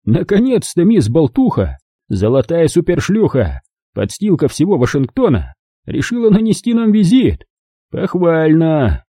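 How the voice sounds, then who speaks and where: A man's voice: fairly high pitch, very animated, moderate pace, mellow, slightly rough, no room sound, studio quality, pitched above the performer's own voice, heavily acted. A man reading an audiobook, voicing an arrogant male mob boss who talks with sneering sarcasm. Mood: sarcastic. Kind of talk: audiobook character voice.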